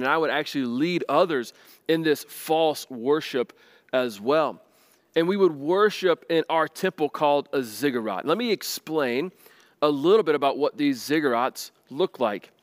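An actor playing a former pagan high priest in a first-person monologue, explaining things plainly, with small restarts. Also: male voice, no echo.

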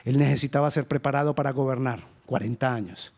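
A Colombian man preaching a sermon as pastor, swinging between loud emphasis and hushed lines. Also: medium pitch, steady tone, fast talker, vocal fry. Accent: Colombian Spanish.

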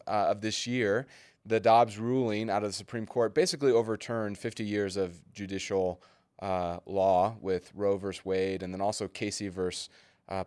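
A man's voice: on the low side, dry recording. A man in his forties, a pastor co-hosting a podcast, telling stories casually with fillers and laughs. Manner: storytelling, relaxed with frequent fillers and laughs.

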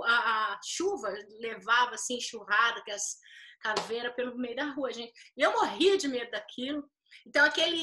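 A woman leading a faith-based group discussion, talking in an animated way with lots of rhetorical questions. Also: high-pitched. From Belo Horizonte, Brazil.

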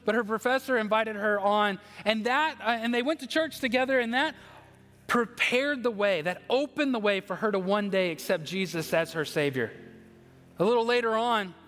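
A man's voice: high voice, moderate pace, a bit bright. A man, preaching as a pastor, earnest and prayerful as he leads a prayer and encourages the congregation. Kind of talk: sermon with prayer. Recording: long hall reverb, faint music.

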